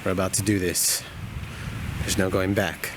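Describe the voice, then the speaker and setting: A man's voice: deep voice, little pitch movement, normal speed, very noisy. A man chatting casually to viewers as a vlogger, informal, blunt and self-mocking.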